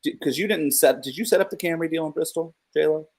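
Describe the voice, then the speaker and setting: A man's voice: fairly high pitch, quick pace, darkish tone, husky. A man co-hosting a casual podcast, teasing and joking with his co-host. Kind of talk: casual chat.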